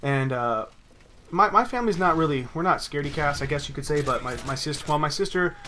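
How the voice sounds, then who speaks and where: A man's voice: a little high, animated, quick pace, bright, forceful tone, a little hiss or hum. A young man telling a personal story in a rambling, profane way while commenting on his gameplay. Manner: rambling, profane, with many restarts. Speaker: gaming commentator. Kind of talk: casual storytelling over gameplay.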